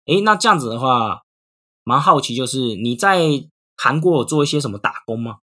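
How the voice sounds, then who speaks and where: A man's voice: mid-range voice, expressive, fairly quick, pushed and bright, breathy edge. A young man with a Taiwanese accent, chatting casually as he hosts a conversation. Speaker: host, interviewer. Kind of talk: casual chat.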